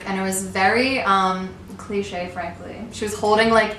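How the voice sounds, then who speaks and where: A woman's voice: medium pitch, steady tone, fairly bright tone, slight background noise. Chatty woman host in an echoey room. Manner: chatty, laughs often, quick asides. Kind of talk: casual chat. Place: friend's home.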